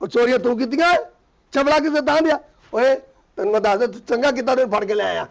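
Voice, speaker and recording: An actor playing a bossy village headman in a comedy sketch, blustering and shouting orders. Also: very high-pitched, quick pace, gravelly.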